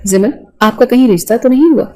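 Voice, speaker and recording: A woman voicing a kind, chatty middle-aged mother who runs a company, speaking gently in a storybook. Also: a little high, close to an everyday voice. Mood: curious.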